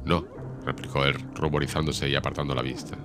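A man with an extremely deep voice narrates a classic novel in a steady, measured way. He reads quickly. Background music plays under the narration. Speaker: audiobook narrator. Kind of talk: audiobook narration. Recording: music behind the reading.

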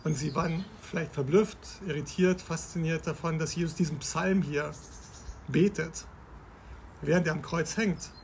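Gravelly man teaching the Bible. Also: on the high side, fairly even intonation, normal speed, darkish tone, a little hiss or hum. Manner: explains scripture step by step, asks the listener questions. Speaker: podcast host.

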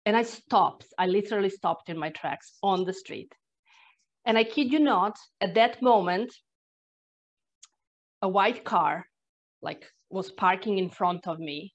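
Unhurried and leaving long pauses, a mid-range-voiced Croatian woman speaks accented, non-native English as a guest energy therapist telling personal stories in conversation. She comes across as earnest and reflective, sighing and restarting, on a dull lo-fi recording.

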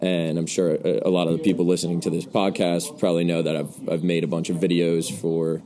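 A man's voice: deep voice, little pitch movement, brisk, crowd noise. A man in his early twenties talking casually as a podcast guest. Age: early 20s. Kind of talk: casual chat. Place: outdoors under a canopy by a pool.

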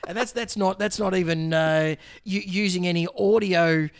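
Casting: Australian male podcast host, slightly higher pitch, matey and jokey, casual delivery. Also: moderate pace. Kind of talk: casual chat.

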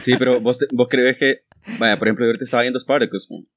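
A young man, co-hosting a casual chat and telling animated stories full of crude slang. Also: mid-range voice, racing, no room sound.

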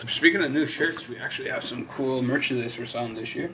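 A man's voice: medium pitch, brisk, fairly bright tone, a little hiss or hum. A man co-hosting an event live stream, explaining merchandise and prizes casually, with plenty of fillers. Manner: announcing details with fillers. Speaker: event co-host.

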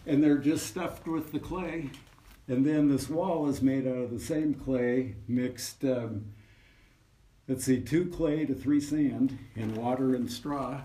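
A man's voice: mid-range voice, takes it slowly. A man giving a casual, practical tour of a small earth house, heard in a poor-quality field recording. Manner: relaxed, practical, hands-on explaining. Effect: poor-quality, distant field recording. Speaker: community member giving a tour. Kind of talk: casual explaining on a walking tour. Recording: distant, echoey, noisy field recording.

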